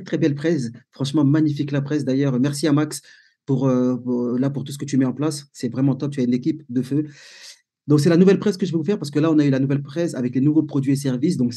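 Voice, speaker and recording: A man's voice: a little high, mellow, slightly rough. A man from Martinique giving a chatty business presentation over a video call, with many fillers and repeated words. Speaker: network marketing presenter.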